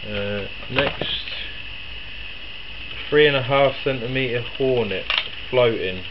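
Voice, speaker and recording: Croaky man with a cold, noisy recording. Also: medium pitch, slow pace. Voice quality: croaky, hoarse. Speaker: tackle shop vlogger presenting products. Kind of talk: casual unboxing commentary. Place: indoors in a tackle shop. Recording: dull lo-fi sound, loud background noise.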